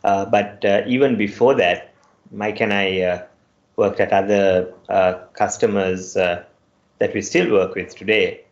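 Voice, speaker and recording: A man's voice: lowish voice, fairly even intonation. Middle-aged Sri man, roomy audio. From Sri Lanka. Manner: measured, pausing often between phrases. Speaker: guest, company CTO. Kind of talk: casual podcast interview. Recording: roomy, dull lo-fi remote audio.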